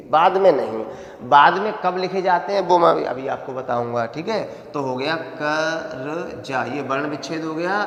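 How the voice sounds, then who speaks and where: A man teaching young pupils, his voice sitting a little high and ringing through a bare, reverberant room with a long echo. He draws syllables out slowly and keeps asking a question, then answering it himself. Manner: slow, drawn-out syllables, asks questions and answers them himself. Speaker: primary school Hindi teacher. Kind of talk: classroom lesson explaining grammar.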